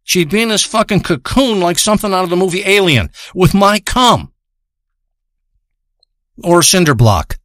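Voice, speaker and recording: A man telling a crude, rambling comic story with deadpan tangents and heavy profanity. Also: high voice, normal speed, long pauses, no echo, studio quality. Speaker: comedic storyteller.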